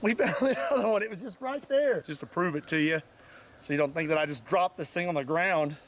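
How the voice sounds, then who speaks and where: An American man talking casually and excitably as he hosts an unscripted outdoor demonstration. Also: high-pitched, brisk. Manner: excitable, exclaiming. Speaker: host of a shooting video. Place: outdoors at a shooting range.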